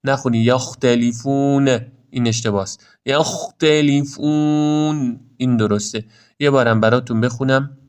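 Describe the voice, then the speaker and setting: A man with an Iranian Persian accent gives a careful pronunciation lesson on Quran recitation. His voice is smooth and resonant at a mid pitch. He talks through each rule and then models the words in slow, drawn-out recitation. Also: fairly even intonation.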